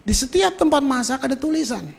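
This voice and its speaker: A man's voice: very high-pitched, lively intonation, quick pace, vocal fry. A male pastor preaching a sermon in a colloquial storytelling manner, speaking directly to the congregation.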